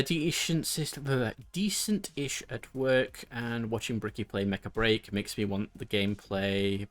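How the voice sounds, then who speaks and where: A man's voice: medium pitch, bright, forceful tone. Chatty, giggly male streamer. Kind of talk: casual live-stream chat.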